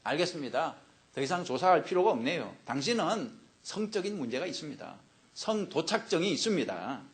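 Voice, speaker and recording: A man voicing a calm, clinical male psychiatrist in a joke. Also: fairly high pitch, brisk.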